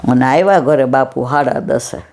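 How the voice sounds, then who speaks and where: A woman's voice: rumbling low, moderate pace, darkish tone. An older woman giving a devotional satsang talk, telling anecdotes and acting out the dialogue. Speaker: satsang speaker.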